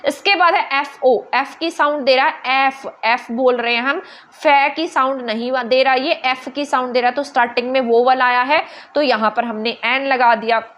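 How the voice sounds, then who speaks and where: Woman, Hindi accent, high voice, teacher, explains step by step, spells letters out slowly. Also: steady tone, fairly bright tone. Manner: explains step by step, asks and answers her own questions. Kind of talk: online grammar lesson.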